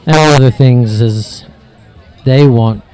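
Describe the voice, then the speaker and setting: Mellow-voiced man, winding answers. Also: medium pitch, takes it slowly, clean tone, faint music behind. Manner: long winding sentences with restarts. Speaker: photographer guest. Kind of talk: interview answers.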